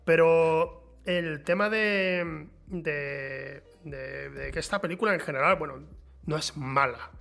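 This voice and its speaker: Male host, higher pitch, relaxed explainer, light music underneath. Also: slow pace, vocal fry. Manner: relaxed, explanatory, steers the talk. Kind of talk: casual film chat.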